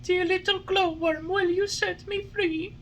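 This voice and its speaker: Pinocchio, a shrill weeping puppet boy. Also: steady tone, a little slow, fairly bright tone, slight background noise, heavily acted. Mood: pleading. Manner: high wailing pleading. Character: weeping wooden puppet boy, naughty, remorseful.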